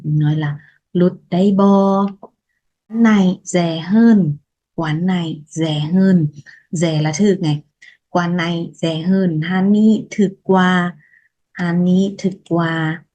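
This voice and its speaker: A woman teaching vocabulary, saying each word slowly and repeating it before explaining it. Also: lowish voice, warm tone. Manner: repeats words slowly, then explains briskly. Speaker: language teacher. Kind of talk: vocabulary lesson, slow repetition. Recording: dull lo-fi sound.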